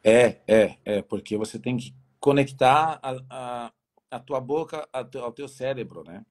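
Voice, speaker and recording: A man's voice: mid-range voice, a little slow, darkish tone. A man from Brazil with a Brazilian Portuguese accent, a football coach giving easygoing, rambling interview answers with many restarts.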